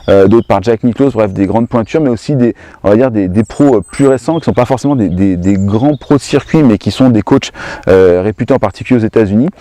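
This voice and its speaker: A man's voice: mid-range voice, warm tone, dry recording. A man hosting a golf lesson, talking in a casual, hesitant, explanatory way. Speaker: golf course host. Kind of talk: casual instructional chat.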